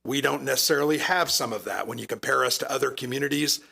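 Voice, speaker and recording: Hoarse man explaining at a council dais. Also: medium pitch, fast, pushed and bright. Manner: earnest, explanatory. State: losing his voice. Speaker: town manager. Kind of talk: presenting at a council meeting. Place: council chamber.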